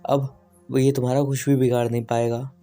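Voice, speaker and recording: A male storyteller playing a calm older priest in a spoken horror tale, explaining patiently and reassuring the listeners. Middle pitch, with faint music behind. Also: fairly quick, natural voice.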